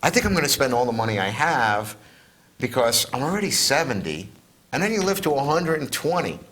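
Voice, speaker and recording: A man's voice: medium pitch, very animated, fairly quick, a bit bright. A middle-aged man co-hosting a casual talk show, rambling and repeating himself as he gives advice. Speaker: co-host. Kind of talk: casual chat.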